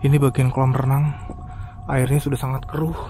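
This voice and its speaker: A man with a dark, mellow voice talks casually in as he explores at night. He sounds uneasy and spooked, muttering exclamations as he goes. His mid-pitched voice sits in a slightly noisy handheld field recording. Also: flat delivery, a little fast. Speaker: urban explorer vlogger. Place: abandoned resort at night, outdoors and in empty halls.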